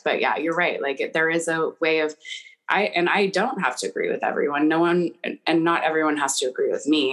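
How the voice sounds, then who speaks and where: A woman in her thirties co-hosting a podcast, talking casually and hesitantly with frequent restarts and laughs. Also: low-pitched. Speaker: podcast co-host. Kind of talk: casual chat.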